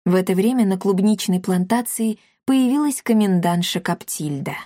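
Woman reading a kids story, expressive, dry close mic. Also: mid-range voice, normal speed, dry recording. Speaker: audiobook narrator. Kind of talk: scripted narration.

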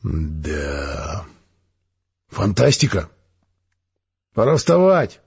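A man playing a gruff, dryly teasing male space major. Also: deep voice, huge pitch swings, drawn-out words, darkish tone, dull audio, heavily acted.

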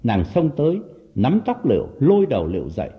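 A man narrating a story in an expressive, dramatic storytelling manner. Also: medium pitch, brisk. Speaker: audiobook narrator. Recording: dull lo-fi audio with background music.

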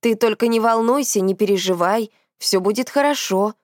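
A woman's voice: medium pitch, no room sound, clean studio sound, lightly acted. A woman reading a flustered young man, soothing. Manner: hurried, soothing mumble.

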